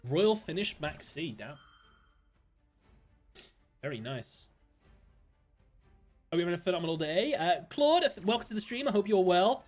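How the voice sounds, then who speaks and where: A British man chatting casually while streaming a card game, thinking aloud, greeting viewers and breaking into sudden excited outbursts. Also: high-pitched, normal speed, pauses often, soft background music. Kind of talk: casual live-stream gameplay commentary.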